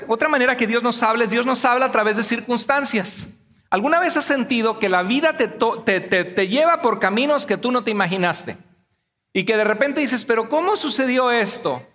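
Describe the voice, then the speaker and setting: Pastor, male, high bright voice, lively sermon delivery with jokes, long hall reverb. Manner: animated preaching with jokes and acted quotes. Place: church sanctuary.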